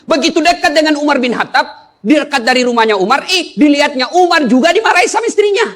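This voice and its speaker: A man's voice: very high voice, quick pace. A middle-aged male Islamic preacher who gives a humorous sermon, joking and calling out to his audience. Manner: joking, animated, calls out to the audience.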